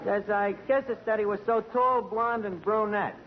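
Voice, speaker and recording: This is a man's high voice at a moderate pace, heard through a muffled, hissy radio recording from 1940. Playing the tavern manager in a 1940s comedy show, he is lively and full of wisecracks and mangled words.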